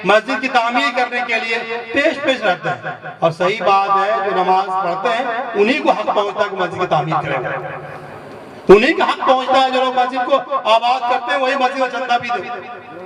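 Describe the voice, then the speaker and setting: A man's voice: very high voice, moderate pace, a crowd in the background. A man preaching a sermon, impassioned and scolding, often chuckling between his points. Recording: echoey and distant from the mic.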